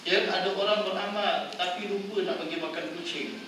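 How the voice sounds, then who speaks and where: Malaysian Malay preacher, high-pitched and playful, recorded from afar in a noisy, echoing hall. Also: male voice, steady tone, normal speed, sharp tone. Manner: playful, quizzes audience, acts out wives' voices. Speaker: religious lecturer. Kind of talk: lively mosque lecture. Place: mosque prayer hall. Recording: echoey hall, distant mic, noisy.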